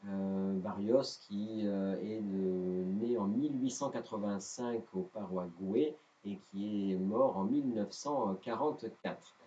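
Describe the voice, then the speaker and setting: A man's voice: lowish voice, takes it slowly, hardly any pauses, warm tone, highs cut off. A man with a non-native French accent teaching a live guitar lesson, hesitant and self-deprecating with many fillers. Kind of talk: live-streamed music lesson.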